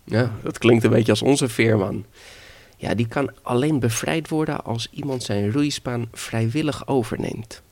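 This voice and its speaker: A man voicing a sleepy, suspicious devil who yelps when woken and grumbles in a gravelly voice. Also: mid-range voice, unhurried, a little mellow, close to an everyday voice. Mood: grumpy. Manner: yelping, indignant outbursts.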